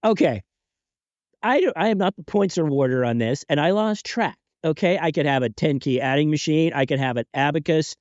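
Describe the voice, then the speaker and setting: Man, podcast host, excitable and rambling, on a home mic with a dry, close sound. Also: on the high side, fairly quick, dry recording, highs cut off. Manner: excitable, rambling, laughing between thoughts. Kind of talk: casual chat.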